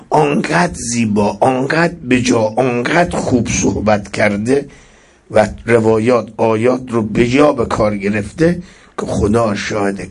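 Husky male preacher, rising and dropping. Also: on the low side. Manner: recites poetry with sudden loud rises and soft drops. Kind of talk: religious sermon.

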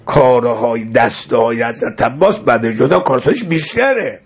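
A male preacher telling a sermon story with dramatic swings, his voice gravelly and rough with fry. It sounds husky and strained, and it leaps up high in the emotional moments. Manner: dramatic retelling with sudden high emotional outbursts.

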